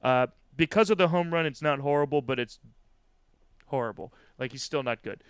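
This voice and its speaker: A man's voice: mid-range voice, normal speed, clean tone, no room sound, clean studio sound. A man co-hosting a casual sports podcast, recapping a game play by play with easy chuckles. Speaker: podcast co-host.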